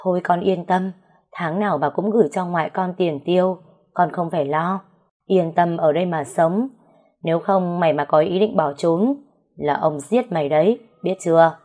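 A woman voicing a cunning older mother-in-law who coaxes and warns in a low, even tone. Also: normal speed, lightly acted. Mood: stern. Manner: coaxing then threatening.

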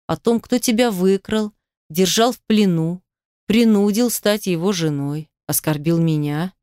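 A woman reading an audiobook voices a domineering young man who speaks calmly, firmly and with reproach. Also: no room sound, clean studio sound, close to an everyday voice. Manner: firm, reproachful, low-key.

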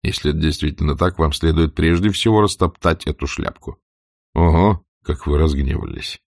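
A man reading an audiobook and voicing a cynical, self-assured man who teases in a slow, ironic drawl. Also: a bass voice, a little mellow, no room sound, studio quality. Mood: mocking. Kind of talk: audiobook character voice.

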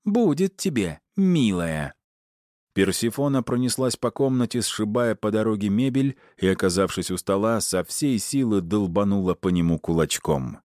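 A man narrating an audiobook in a lively storytelling manner. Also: fairly low pitch, moderate pace, few pauses, no room sound, studio quality.

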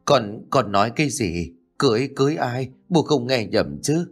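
A man's voice: mid-range voice, expressive, moderate pace, breathy edge, faint music behind. A man voicing an anguished old village mother who scolds her son in a choked, tearful voice.

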